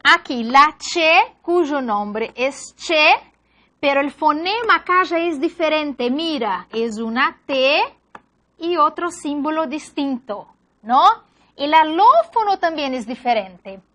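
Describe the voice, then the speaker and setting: A woman's voice: sits high, expressive, slow, fairly bright tone. A woman teaching a phonetics lesson, patiently saying example words one at a time. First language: Portuguese. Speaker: language teacher. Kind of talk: slow phonetics lesson, reading word lists.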